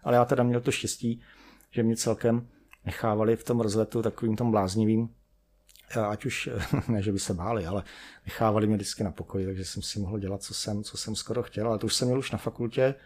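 A man's voice: lowish voice, steady tone, darkish tone. A middle-aged chemist telling self-deprecating anecdotes about his studies in a rambling, conversational way, full of fillers. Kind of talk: conversational storytelling.

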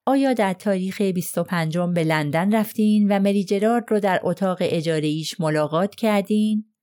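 Her voice sits in the middle range, warm and close to how she'd normally talk, as this woman plays a cold, firm male lawyer questioning a witness closely in an audiobook.

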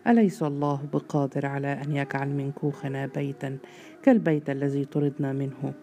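A man voicing a gentle young wife who speaks tenderly and pleadingly, in a storybook reading. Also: medium pitch, fairly even intonation, fairly quick, a little hiss or hum, lightly acted. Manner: tender, soft.

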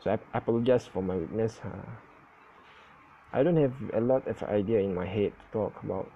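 A man who is not a native English speaker, recording his first casual podcast on a phone app and talking in a hesitant, halting way with many self-corrections. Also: fairly low pitch, creaky, narrow, tinny audio, slight background noise. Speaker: English learner.

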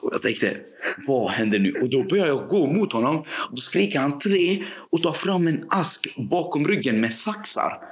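A man telling a story in casual podcast chat, animated and acting out the dialogue, with frequent fillers. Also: a little high, few pauses.

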